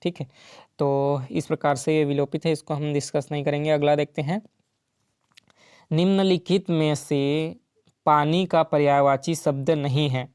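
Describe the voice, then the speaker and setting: Mellow, smooth-voiced male exam tutor. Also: fairly high pitch, steady tone, unhurried, no room sound, clean studio sound. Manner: explains step by step with frequent "ठीक है" and "है ना". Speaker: teacher solving exam questions. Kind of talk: exam-prep lesson.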